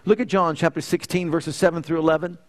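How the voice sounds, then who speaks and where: A man's voice: fairly high pitch, fairly even intonation, fast talker. A middle-aged man preaching a sermon, emphatic, repeating phrases in threes and telling personal stories. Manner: tells personal stories with quoted dialogue.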